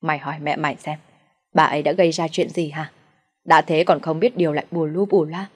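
A woman voicing an older, hot-tempered husband who shouts threats at his wife. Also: deep voice, steady tone, brisk, husky. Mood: angry.

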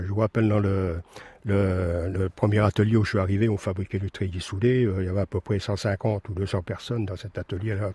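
Older ex-factory worker and unionist from Italy; husky, low, halting and indignant. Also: male voice, mellow, no room sound. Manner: hesitant, many fillers, indignant. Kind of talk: documentary interview testimony.

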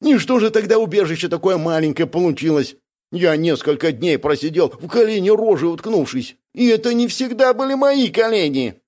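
A man's voice: sits high, animated, normal speed, a little mellow, pitched above the performer's own voice. A man voicing a whiny, put-upon male soldier in an audiobook, complaining and close to tears. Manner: whining, complaining, near tears. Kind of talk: audiobook character voice.

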